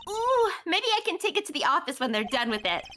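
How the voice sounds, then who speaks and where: A woman's voice: very high voice, big pitch swings, a little fast, pushed and bright, a little hiss or hum, pitched above the performer's own voice, full character voice. A woman voicing a perky, cheeky and naive teenage girl in a playful video game dub. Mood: eager. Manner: chirpy, eager, playful. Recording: music under the voice.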